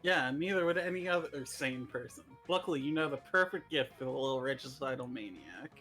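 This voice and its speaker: Brief: male stream narrator reading game script, bright, faint music underneath. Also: mid-range voice, a little fast. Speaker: charity stream player and narrator.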